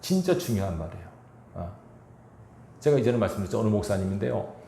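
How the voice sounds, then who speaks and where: A male pastor preaching a sermon, animated, acting out quoted speech and asking the congregation questions. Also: lowish voice, fast talker, creaky, echoey room, a little hiss or hum. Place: church sanctuary.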